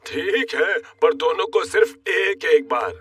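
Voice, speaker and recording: Old grandfather cartoon pig, indulgent, lively swings, a little distant, faint music behind. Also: sits high, slow, breathy edge, heavily acted. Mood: good-natured. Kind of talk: children's cartoon dub in Hindi.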